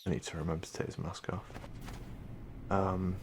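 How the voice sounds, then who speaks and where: English guy streaming a speedrun, really low voice, rambly, lots of ums, noisy mic. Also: level tone, moderate pace. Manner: rambling, many fillers and restarts. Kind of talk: casual stream commentary.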